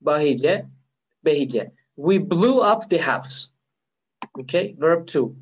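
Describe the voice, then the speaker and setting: Persian-accented man as a patient online English teacher, high voice, dull lo-fi audio. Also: lively intonation, breathy edge. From Iran. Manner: patient, repeats key words slowly. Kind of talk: live online lesson.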